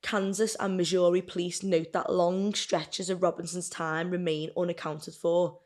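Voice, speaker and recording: Woman, podcast co-host, lowish voice, casual true-crime read, slips on words. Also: little pitch movement, normal speed, darkish tone. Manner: chatty, laughs, stumbles over words, drinking wine. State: burping and hiccuping. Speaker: podcast co-host telling the case. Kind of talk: casual true-crime chat, reading notes.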